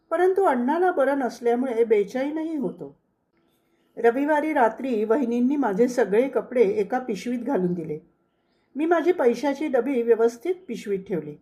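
Woman reading a memoir, slightly high. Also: warm tone. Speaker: audiobook narrator. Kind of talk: scripted memoir narration.

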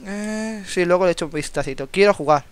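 A young man from Spain with a Spanish accent, casually commenting on his own gameplay, eager and excitable, swearing when frustrated. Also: high-pitched, fairly quick, clean tone, no room sound. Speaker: gameplay video host.

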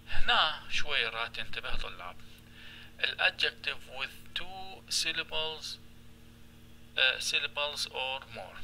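A man's voice: medium pitch, vocal fry, bright, forceful tone, slight background noise, rough recording. A man speaking with an Iraqi Arabic accent, giving a recorded classroom lesson as an English teacher, explaining patiently step by step and repeating example words.

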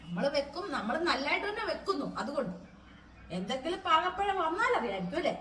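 High-voiced chatty woman vlogging from home. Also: very animated, fast talker, a bit bright, roomy sound, recorded from a distance, a little hiss or hum, rough recording. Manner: chatty, keeps checking in with viewers with tag questions. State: throat strained from talking. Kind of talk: casual chat to camera. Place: home kitchen.

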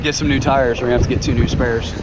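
A man's voice: mid-range voice, fairly even intonation, fast. A man narrating a road trip in an easygoing, chatty way while standing outdoors beside the road. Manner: easygoing, chatty, laughs often. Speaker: vlogger filming a jeep club road trip. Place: outdoors by a highway beside vehicles. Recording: camera mic with loud road noise. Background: loud traffic and engine noise.

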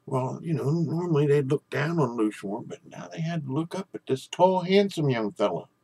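Husky older man, lilting storyteller. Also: on the high side, lively intonation, moderate pace, warm tone. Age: older, about 60s or 70s. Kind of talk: traditional Irish oral storytelling, unhurried and folksy.

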